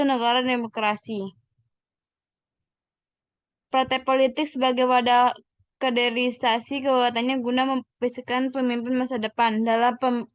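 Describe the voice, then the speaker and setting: A woman's voice: fairly high pitch, clean tone, dry recording, muffled recording. A young woman reading a prepared presentation aloud, stumbling and restarting words now and then. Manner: reads aloud with restarts and slips.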